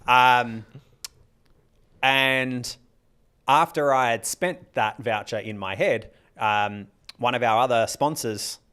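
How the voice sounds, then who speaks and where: A man's voice: mid-range voice, slow pace, pushed and bright, smooth. A man co-hosting a casual podcast, talking in a rambling way, often breaking off his sentences and laughing. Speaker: podcast co-host and club organiser.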